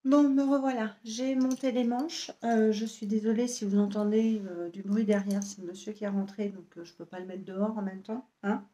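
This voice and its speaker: A woman's voice: mid-range voice, steady tone, normal speed, hardly any pauses, warm tone. A woman chatting casually to camera as a sewing vlogger, hesitant and rambling with many fillers and self-mocking asides. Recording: roomy echo.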